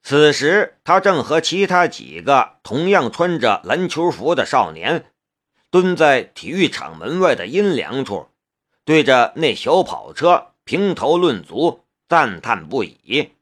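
A man narrating an audiobook with expressive storytelling. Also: medium pitch, slow pace.

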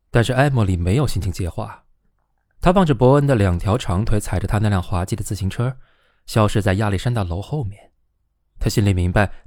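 A man narrating a novel as an audiobook reader, reading in an expressive, steady way. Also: on the low side, dry recording, clean studio sound. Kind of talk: scripted narration.

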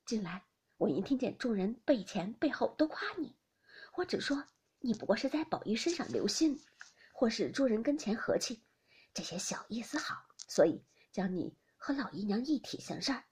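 A woman reading an anxious noble mother in breathy half-whisper. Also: fairly high pitch, very animated, normal speed, darkish tone, full character voice. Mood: confiding. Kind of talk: audiobook reading of a classic novel.

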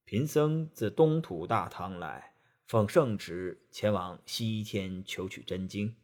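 A man voicing a gentle, preachy male Buddhist monk in a storybook tale, speaking slowly and softly. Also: on the low side, pitched below the performer's own voice. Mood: weary. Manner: slow, soft, reproachful.

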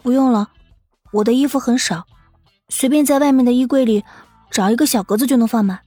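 A man's voice: extremely high pitch, a little fast, mellow, no room sound, soft background music, voice pushed up. A man voicing a timid, poor young female student who has just become a wife, speaking meekly and awkwardly. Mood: polite. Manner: meek, awkward and hesitant.

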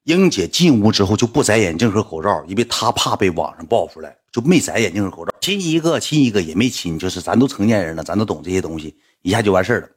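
A man with a Northeastern Chinese accent telling a rambling anecdote in a casual, animated way, breaking into mocking high-pitched rants. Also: fast, hardly any pauses, breathy edge. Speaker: storyteller.

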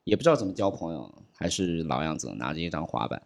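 A man in his thirties from the United States chats casually as a podcast guest, in a low voice. He rambles and restarts his sentences, and he drops English fillers like "you know, like" into his talk. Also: big pitch swings, fast, creaky. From grew up in the United States. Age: 30s. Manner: rambling, with frequent restarts and repeated words.

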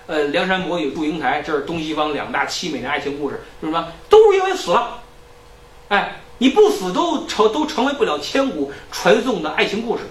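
生动讲故事的男讲师. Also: male voice, on the high side, roomy sound, distant mic, slight background noise, low-quality recording. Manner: lively, acts out characters' lines. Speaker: lecturer. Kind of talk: storytelling lecture.

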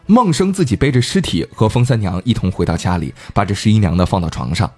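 A man hosting a podcast, telling a folk tale in a chatty, animated way. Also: lowish voice, quick pace. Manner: chatty, animated, laughing asides. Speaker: podcast host. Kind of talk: casual storytelling.

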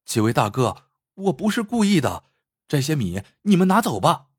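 A man's voice: a little high, sing-song, normal speed, slightly rough, no room sound, studio quality. A man voicing a timid but oddly stubborn poor villager in a spoken story, pleading in a whining tone.

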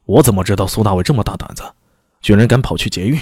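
A man's voice: on the low side, fast, darkish tone, slightly rough, dry recording, clean studio sound. A man voicing an angry, foul-mouthed male constable chief in an audio story, blustering and cursing.

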